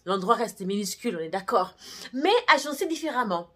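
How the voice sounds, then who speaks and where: A woman's voice: medium pitch, expressive, fairly quick, faint music behind. A middle-aged woman chatting casually and bubbly as a cooking vlogger, laughing often. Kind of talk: casual vlog chat.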